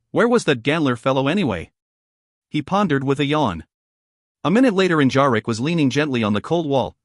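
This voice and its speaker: A man reading a fantasy audiobook aloud as narrator, telling the story in a steady, measured way. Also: mid-range voice, dry recording, studio quality.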